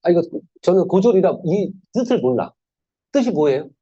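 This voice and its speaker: A man's voice: high-pitched, sing-song, moderate pace, dark tone, slightly rough, muffled recording. A man giving a motivational sales lecture, firing rhetorical questions at the audience and acting out little dialogues. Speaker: sales seminar speaker.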